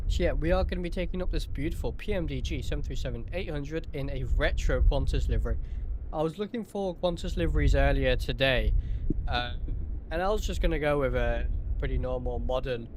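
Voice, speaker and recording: A man's voice: medium pitch, background noise. A man giving casual live-stream commentary on a flight simulator session, chatty, with many ums, thanking viewers by name.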